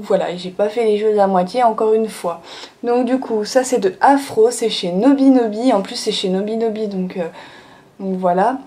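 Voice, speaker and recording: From a bright room at home, a manga vlogger in her youth chats through her latest haul, her speech dotted with fillers and many a "donc voilà." Her voice is mid-range with a dark tone.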